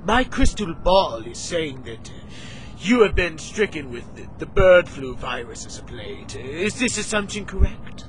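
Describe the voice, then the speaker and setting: A man's voice: on the high side, a little slow, a little hiss or hum. A man playing a drawling smug office boss. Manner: deadpan, drawling, full of uhs. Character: smug male office boss who fires the chicken.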